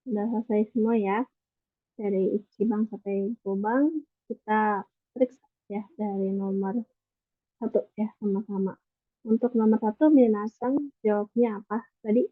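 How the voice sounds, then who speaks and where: A woman's voice: medium pitch, steady tone, measured pace, pauses often, no room sound. A woman language teacher explaining grammar patiently in an online class, checking in with the students often. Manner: patient explaining, frequent tag questions. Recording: tinny call audio, dry.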